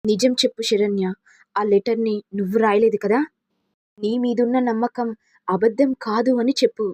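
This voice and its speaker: A stern mother-in-law who presses for the truth, played by a woman narrator in a storybook, her voice fairly high. The recording is dry, with no echo. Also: level tone, moderate pace, darkish tone, lightly acted. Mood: pressing. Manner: insistent, questioning.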